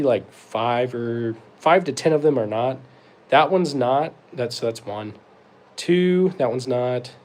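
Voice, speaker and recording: A man's voice: medium pitch, a little mellow. A young man from North Carolina, hosting a casual livestream Q&A and answering chat in a laid-back, rambling way with lots of fillers. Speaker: host answering live chat questions.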